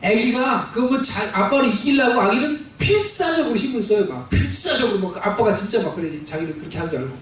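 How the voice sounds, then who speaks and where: A man preaching a sermon in a church, his voice pitched fairly high. He asks the congregation questions and acts out quoted lines as he tells the story. The sound is heavily echoing and picked up from some distance. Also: lively intonation, brisk, hardly any pauses, fairly bright tone, a little hiss or hum. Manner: preaching with call-and-response questions and dramatized quotes. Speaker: pastor. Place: church sanctuary. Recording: very echoey hall, voice from a distance.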